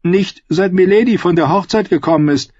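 A man reading a story aloud, voicing a hardened young girl who answers flatly and without pity. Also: high voice, moderate pace, dry recording, muffled recording, pitched above the performer's own voice. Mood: cold. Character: hard, cold young girl, unmoved.

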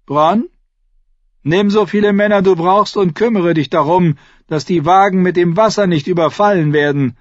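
A man's voice: sits high, normal speed, dry recording, lo-fi sound, pitched above the performer's own voice, lightly acted. Tyrion, a man doing a raised commanding dwarf lord. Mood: urgent commanding. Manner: clipped urgent orders. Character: sharp-tongued dwarf lord, commanding, weary. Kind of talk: audiobook character voice.

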